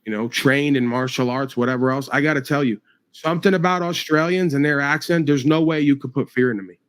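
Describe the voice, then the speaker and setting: A man's voice: mid-range voice, brisk. Profane New man ranting. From New York. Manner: profane, confrontational, mocking. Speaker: livestreamer. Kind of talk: angry livestream rant.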